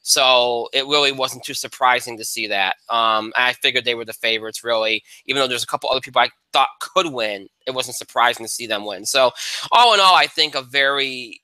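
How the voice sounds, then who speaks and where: A man's voice: mid-range voice, brisk, sharp tone, clean tone, no room sound, rough recording. A man hosting a casual talk show, analyzing award winners in a rambling way with many restarts. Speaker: podcast host. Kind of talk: casual chat.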